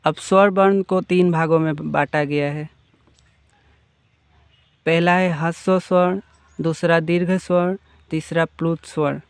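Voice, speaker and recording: Male teacher, slightly high and clear-voiced, patient repeating explainer. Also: steady tone, measured pace, pauses often, dry recording. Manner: defines each term, then restates it. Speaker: Hindi grammar teacher. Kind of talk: slow, explanatory grammar lesson.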